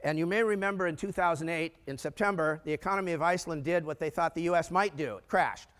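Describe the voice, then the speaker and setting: An older American man giving an energetic conference talk on business finance, with rhetorical questions and humorous asides. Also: on the high side, fast talker. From United States. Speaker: keynote speaker on business finance. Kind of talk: conference presentation. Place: large conference room. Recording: echoey hall reverb.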